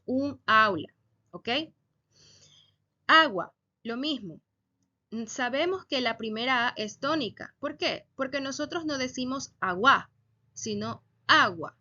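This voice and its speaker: A woman teaching a Spanish grammar lesson, speaking slowly and deliberately and stressing each example word. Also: a little high, pushed and bright, highs cut off.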